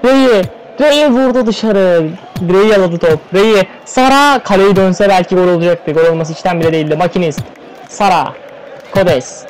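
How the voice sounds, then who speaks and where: High-voiced excitable male game commentator. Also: a little hiss or hum, poor audio. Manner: rapid-fire calling of player names, excited outbursts. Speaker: play-by-play commentator. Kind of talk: live esports play-by-play commentary.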